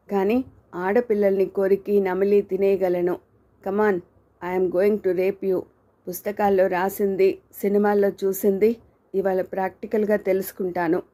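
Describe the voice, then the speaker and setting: A woman's voice: medium pitch, warm tone, close to an everyday voice. A woman reading a sneering arrogant male villain. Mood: taunting. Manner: sneering, taunting. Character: cruel arrogant young man, a mocking villain. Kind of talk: audiobook character reading.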